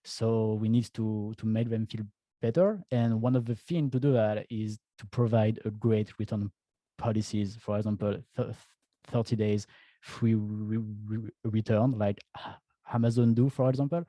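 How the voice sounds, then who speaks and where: A man's voice: lowish voice, steady tone, normal speed, warm tone, dry recording. A man with a French accent giving a casual presentation as an e-commerce founder, chatty, with frequent restarts and stammered repeats.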